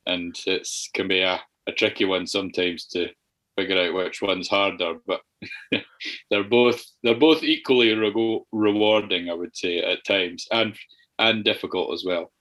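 A man's voice: sits low, moderate pace, rough recording. A Scottish man in his thirties, a fisherman, talking casually and hesitantly over a crunchy video call. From Scotland. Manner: relaxed, hesitant, with restarts. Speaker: fisherman guest. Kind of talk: casual conversation.

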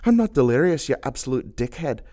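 A man's voice: mid-range voice, very animated, brisk, warm tone, voice pushed up, natural voice. A man voicing a furious, betrayed female sea creature who shrieks insults. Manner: shrieking, raging, spitting insults.

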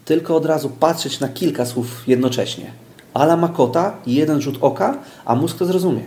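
A man's voice: fairly high pitch, moderate pace, mellow, echoey room, slight background noise. A man who teaches speed reading, explaining it patiently in an interview with everyday examples and frequent hesitations.

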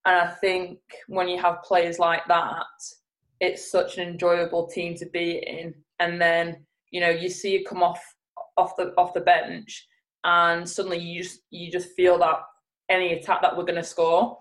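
A woman footballer, a podcast guest, answering in a steady, earnest way. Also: lowish voice, measured pace, rough recording. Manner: steady, earnest, with fillers and restarts. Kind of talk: casual podcast chat.

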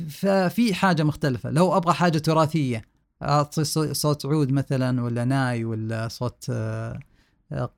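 A man, a sound engineer being interviewed on a podcast, explaining things slowly with many hesitations and restarts. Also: medium pitch, creaky, a little mellow.

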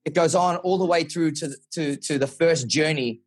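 Excitable Australian man, husky voice. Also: fairly high pitch, normal speed. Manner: excitable, swears, animated storytelling. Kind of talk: casual podcast conversation.

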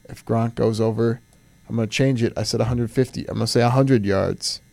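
Young man, gravelly voice, sick, excitable, swears a lot, dry sound. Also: mid-range voice, fairly quick, no room sound. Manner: loud, profane, excitable. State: sick, coughing. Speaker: sports radio co-host. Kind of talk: casual sports banter.

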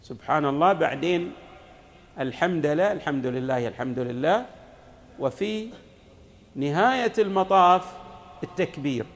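A male cleric preaches in a mosque, his voice pitched a little high with a gravelly edge. He teaches in a didactic way, posing questions and then answering them. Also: animated, normal speed, pauses often. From Saudi Arabia. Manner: didactic, asks questions and answers them himself, demonstrates recitations. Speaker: cleric giving a religious lecture. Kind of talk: sermon.

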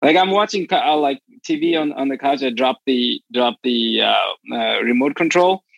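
A man's voice: mid-range voice, creaky, fairly bright tone, no echo, muffled recording. Hesitant man in his forties from Bangladesh. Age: 40s. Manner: hesitant, halting with many fillers. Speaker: comedian guest. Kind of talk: casual chat.

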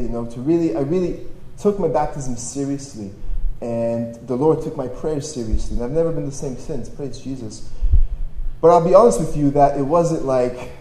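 This priest's medium-pitched male voice has a dark tone as he preaches a casual personal testimony to young adults, jokey, slangy and self-deprecating. He was born in Poland, speaks Polish as his first language, and is from Toronto, Canada. A stage microphone and PA carry him through a large echoey hall at a live gathering, with faint noise.

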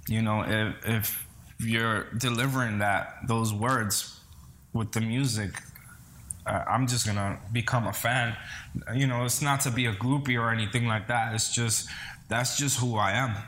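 Measured in pace and fairly even in intonation, this mid-range, slightly bright voice belongs to a Bronx singer-songwriter who spent his early childhood in the Dominican Republic. Being interviewed, he is casual and earnest, pausing hesitantly and repeating words.

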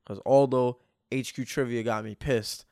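A man hosting a podcast, telling a story as a profane, animated rant full of acted-out reactions. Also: medium pitch, unhurried, no echo, studio quality. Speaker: podcast host.

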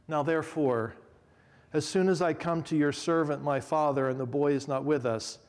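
A man reading scripture aloud as Judah, a grown man pleading humbly before a lord, in a slow, earnest dramatic reading. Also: fairly high pitch, fairly even intonation, big-room sound, natural voice.

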